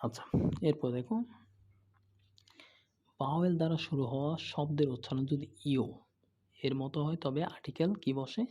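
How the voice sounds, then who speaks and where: With a fairly high pitch, a steady yet dark tone, a moderate pace, and long pauses, a man patiently explains English grammar. He answers questions he poses himself, repeats examples, and often asks "okay?"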